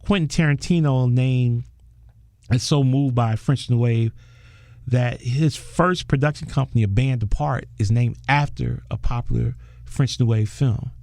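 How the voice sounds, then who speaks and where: Male director guest, lively storyteller who does the voices, in a dry close-miked room. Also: medium pitch, a little slow, gravelly, no room sound. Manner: animated storyteller, acts out quoted voices. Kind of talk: casual interview talk.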